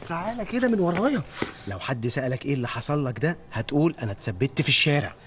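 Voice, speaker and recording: A man's voice: a little high, animated, fairly bright tone. An actor with an Egyptian accent playing a flustered, exasperated young man in a comedy film, bossing someone around. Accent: Egyptian Arabic. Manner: exasperated, bossy, rapid scolding.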